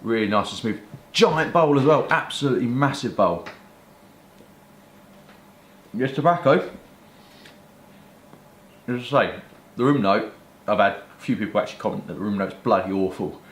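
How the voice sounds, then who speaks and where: This British man has a mid-range, expressive voice, talking at normal speed but leaving long pauses. As a pipe-smoking hobby vlogger, he rambles casually about his pipes and tobacco, colloquial and mildly sweary. Roomy echo and faint background noise fill the recording.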